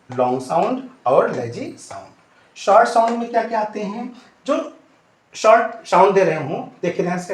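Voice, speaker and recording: High-voiced male teacher in an echoey room. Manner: asks questions and answers them himself, repeats points; addresses students fondly. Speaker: English teacher. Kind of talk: classroom-style lesson.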